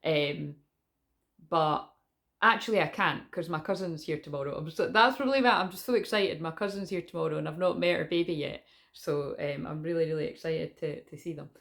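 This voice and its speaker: A British woman talks in a candid, chatty way, like an online psychic reader addressing followers. Her voice sits fairly low with plenty of gravelly fry. She is informal and sweary. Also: brisk, a bit bright. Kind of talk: informal spiritual vlog chat.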